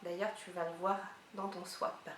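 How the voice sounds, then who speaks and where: A woman vlogger chatting excitedly as she unboxes gifts, thinking aloud as she goes. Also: lowish voice, normal speed. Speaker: beauty vlogger. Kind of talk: casual unboxing chat. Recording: roomy echo, faint hiss.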